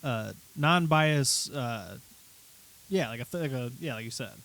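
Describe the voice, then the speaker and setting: A young adult man co-hosting a podcast in casual chat, talking in halting bursts and restarting his sentences. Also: medium pitch, expressive, a bit bright. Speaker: podcast co-host.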